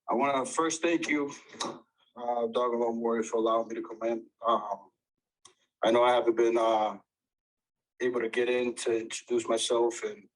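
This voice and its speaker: A man talking into a phone, out of breath, halting with many fillers and restarts, earnest and eager. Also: medium pitch, rough recording. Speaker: audience speaker. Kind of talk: casual chat on an audio call.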